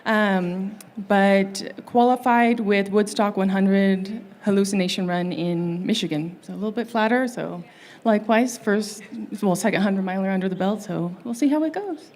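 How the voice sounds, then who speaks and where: A woman's voice: medium pitch, moderate pace, darkish tone. Casual, rambling woman from California. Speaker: panel guest, runner.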